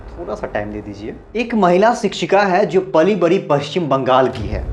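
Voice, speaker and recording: A man from Bihar gives earnest commentary, asking rhetorical questions and mixing in English terms. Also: fairly high pitch. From Bihar, India. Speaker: YouTube commentator. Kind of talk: explanatory social commentary.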